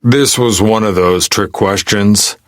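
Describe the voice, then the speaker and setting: Deep-voiced male audiobook narrator. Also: takes it slowly, dry recording, clean studio sound. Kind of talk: scripted narration.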